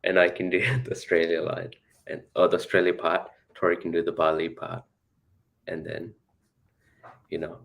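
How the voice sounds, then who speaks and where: A young man from Malaysia chatting casually on a coding livestream, relaxed and full of likes and ums. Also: sits low, moderate pace, gravelly, pauses often. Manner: relaxed, filler-heavy with like and um. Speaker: junior developer on the stream.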